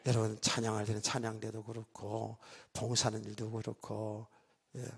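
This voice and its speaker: A man's voice: on the low side, completely flat delivery, moderate pace, gravelly, slightly rough. A middle-aged man preaching a sermon as pastor in a church, talking casually with the congregation and joking in asides. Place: church sanctuary.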